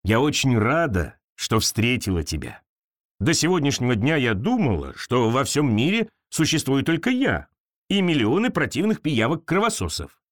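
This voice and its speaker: A man voicing a naive, lonely swamp creature with big paws, talking slowly and with wonder. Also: huge pitch swings, no room sound, studio quality. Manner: slow, wondering, low-pitched.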